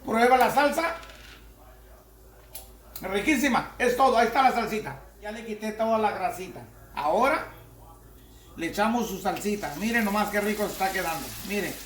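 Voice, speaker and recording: A man's voice: high voice, normal speed, long pauses, fairly bright tone. A man giving a folksy cooking demonstration at his stove, coaxing the viewer step by step. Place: home kitchen by the stove. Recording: echoey kitchen with frying sizzle.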